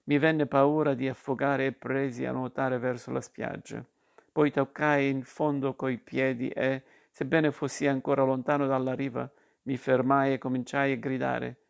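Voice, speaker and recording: A man reading a literary short story aloud in a calm, measured way, with small slips and restarts. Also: medium pitch, vocal fry. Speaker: reader.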